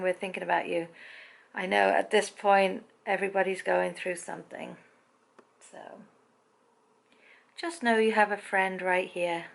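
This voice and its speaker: A woman's voice: lowish voice, gravelly. A woman talking casually in a rambling daily video diary, chatty and prone to wandering off on tangents. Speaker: daily vlogger.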